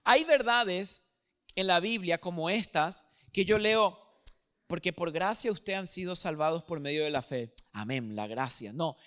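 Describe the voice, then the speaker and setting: A male pastor preaching a sermon, moving between hushed lines and loud emphatic peaks and acting out quoted inner voices. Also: sits high, animated, unhurried.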